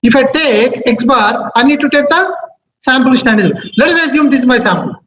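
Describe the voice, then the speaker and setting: Male lecturer, Telugu accent, very high pitch, question-led teaching style, faint noise in a dull recording. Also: lively intonation, a little fast, a bit bright. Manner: repeats himself, checks understanding with short questions. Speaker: statistics teacher. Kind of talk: interactive lecture. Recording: muffled, echoey, noisy room recording.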